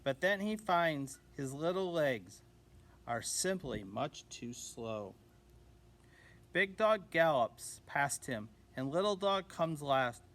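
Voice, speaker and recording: A man reading a children's picture book aloud as a teacher, gently and expressively, giving the dogs little voices. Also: on the high side. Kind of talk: children's storybook read-aloud.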